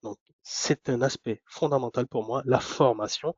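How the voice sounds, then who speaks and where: A man giving a webinar presentation, explaining points step by step and often pausing on fillers and restarts. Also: mid-range voice, husky, no room sound. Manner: hesitant, many fillers and restarts. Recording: dry, dull lo-fi sound.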